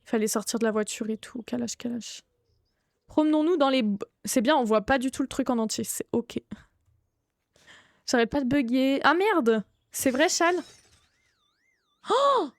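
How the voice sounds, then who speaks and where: A young woman with a high, bright-sitting voice chats her way through a horror game on a live stream. She greets her viewers one by one and swears casually. Her voice is recorded close and dry on a desk mic. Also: moderate pace, no echo. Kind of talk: live gaming stream commentary.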